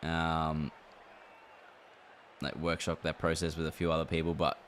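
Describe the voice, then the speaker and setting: A man's voice: rumbling low, level tone, a little slow, fairly bright tone. A man chatting casually on a gaming livestream, reacting aloud to play and answering chat. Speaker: gaming streamer. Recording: clear background noise.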